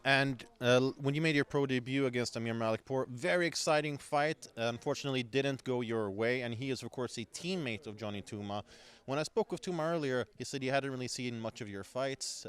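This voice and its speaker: A man's voice: medium pitch, clear, resonant tone. Male sports interviewer, clean resonant voice, polished promotional presenting for a fight event.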